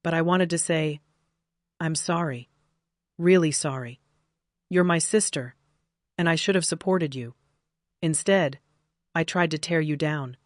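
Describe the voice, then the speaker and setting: A remorseful adult sister, read by a woman narrator speaks low and apologetically. Her tone is quiet and sincere, and the recording is dry and close. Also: a little slow, pauses often, no echo.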